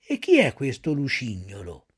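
A woman voicing a kindly little female marmot who gently consoles and explains with sympathy. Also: extremely low pitch, wildly swooping pitch, moderate pace, husky, voice pushed down, heavily acted. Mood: consoling.

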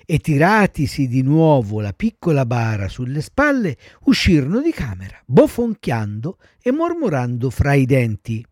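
A man narrating a classic children's tale in an expressive storytelling manner. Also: medium pitch, normal speed, hardly any pauses, no room sound, clean studio sound. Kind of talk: storybook reading.

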